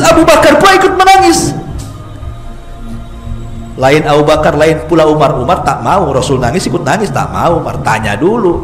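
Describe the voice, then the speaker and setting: High-voiced man giving a lively casual sermon. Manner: lively storyteller, jokes with the audience, acts out quotes. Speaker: Islamic preacher. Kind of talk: casual religious lecture. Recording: echoey room, faint background music.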